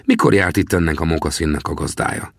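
A man voicing a calm, curious young male surveyor in an audiobook, answering plainly. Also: extremely low pitch, gravelly, dry recording, studio quality, heavily acted.

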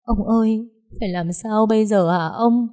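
A woman voicing a sobbing, distraught older mother-in-law who laments loudly in a storytelling narration. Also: medium pitch, animated, moderate pace, pitched above the performer's own voice, lightly acted. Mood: wailing. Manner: wailing, lamenting.

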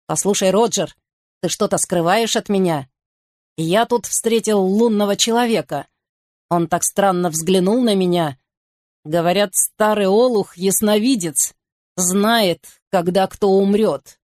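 A woman's voice: medium pitch, measured pace, no echo, clean studio sound, natural voice. Lovesick young man, frantic and pleading, read by a woman; storybook reading. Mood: agitated. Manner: excited, pleading outbursts.

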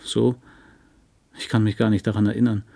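A man's voice: on the low side, little pitch movement, moderate pace, creaky, warm tone. Man voicing torn young wife, hesitant, slightly raised voice, audiobook. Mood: confused. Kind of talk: audiobook reading.

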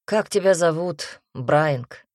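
Woman playing a sullen werewolf man, blunt, suspicious, low, dry. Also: animated, takes it slowly, a little mellow, dry recording. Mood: gruff. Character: gruff young male werewolf husband, sullen.

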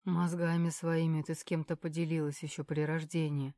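A woman's voice: low voice, level tone, normal speed, dry recording, clean studio sound, close to an everyday voice. A woman doing a furious foul-mouthed boss. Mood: enraged. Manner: yelling curses. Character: furious injured middle-aged male boss, foul-mouthed.

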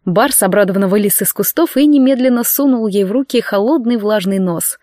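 A woman narrates a romantic novel aloud, calm and expressive. Her mid-range voice sounds close and dry, with no room around it. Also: mid-range voice, a little fast, dry recording. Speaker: audiobook narrator. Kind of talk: scripted narration.

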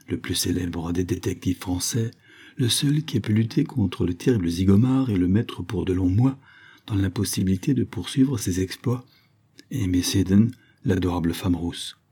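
Low, husky male audiobook narrator. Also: mellow.

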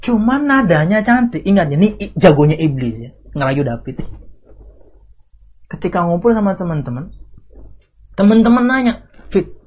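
A man teaching a religious study lecture. He reads classical Arabic text, then explains it in lively casual talk with rhetorical questions. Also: high voice, moderate pace, pauses often, breathy edge. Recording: dull lo-fi audio recording.

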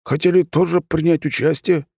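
A man voicing a nervous, stammering male government official, pitched well above his own voice. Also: fairly even intonation, normal speed, vocal fry, darkish tone, breathy edge, no room sound, clean studio sound. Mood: flustered. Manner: stammering, flustered.

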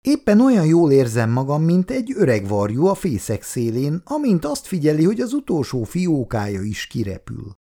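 A man's voice: a little high, wildly swooping pitch, hardly any pauses, mellow, pitched above the performer's own voice, heavily acted. A man doing a grumbling old husband. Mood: wry. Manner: grumbling, dry humor. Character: wry, grumbling older working-class husband.

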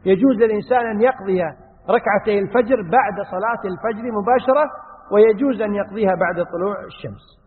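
A man's voice: high-pitched, big-room sound, narrow, tinny audio. A man teaching Islamic jurisprudence, answering questions one by one and chanting examples from the call to prayer. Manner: reads questions aloud then answers, demonstrates the call to prayer in a drawn-out chant. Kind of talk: religious Q&A lesson.

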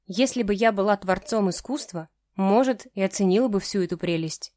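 A woman narrating a first-person romance audiobook in a measured, even way. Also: medium pitch, no echo, studio quality.

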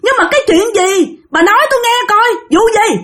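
A woman's voice: fairly high pitch, expressive, fast, natural voice. A woman voicing a young woman protesting her innocence in exasperation. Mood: indignant, protesting. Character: indignant young woman wrongly accused.

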